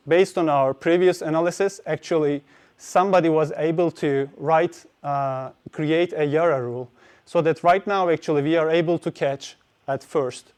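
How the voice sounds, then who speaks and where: This conference speaker, whose first language is Turkish, has a smooth, slightly high voice. His technical talk comes out haltingly, full of fillers and false starts.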